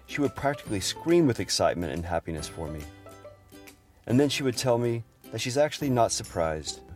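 A middle-aged man fondly narrating humorous family memories in a gentle storytelling manner. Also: lowish voice. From Houston, Texas area. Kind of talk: personal memoir narration.

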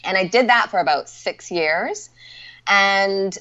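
Speaking slowly at medium pitch, a woman in her forties from Barbados talks as a guest in a casual interview about her work as a lettering artist. Her tone is sharp and smooth, the sound is lo-fi, and she chats freely with frequent "you know" fillers and light laughs.

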